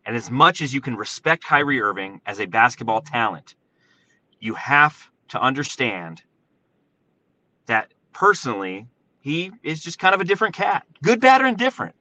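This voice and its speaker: An American man delivers casual live sports commentary from inside a parked truck. His medium-pitched voice is bright and forceful. He sounds animated and informal, hitting key words with emphasis like an enthusiastic podcast host. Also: moderate pace, rough recording. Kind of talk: excited solo sports commentary, casual livestream.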